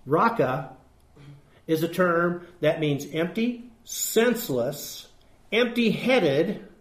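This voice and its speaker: A man's voice: on the high side, slow pace. A man preaching a sermon as pastor, emphatic and putting rhetorical questions to his congregation. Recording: echoey room.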